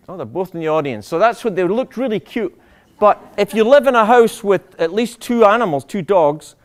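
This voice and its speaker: A man, a doctor, giving a public lecture, animated and full of rhetorical questions to the audience. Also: sits high.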